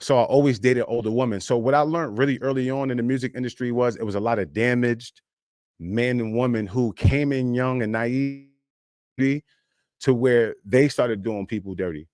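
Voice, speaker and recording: An independent rap artist in his thirties talks live into his streaming mic in a casual monologue, loose, candid and rambling, often saying "you know what I'm saying." His pitch is plain middle-range and a little mellow, at a moderate pace. The recording is dry and close, with no room sound.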